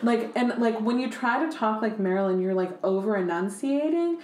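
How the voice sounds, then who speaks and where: A young woman podcast host chatting casually, animated and swearing freely, with "like" in nearly every sentence. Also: a little high, normal speed. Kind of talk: casual chat. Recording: roomy echo.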